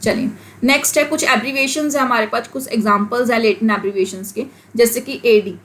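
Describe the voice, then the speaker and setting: A woman with an Indian accent teaches an English class, lecturing in Hindi mixed with English. Her voice is on the high side and a bit bright, and she reads the English example sentences out slowly.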